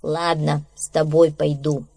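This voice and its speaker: A woman's voice: sits low, little pitch movement, a little slow, vocal fry, dark tone, exaggerated voice. A woman voicing a cowardly, sulky male badger in a storybook, mumbling and grumbling. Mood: reluctant.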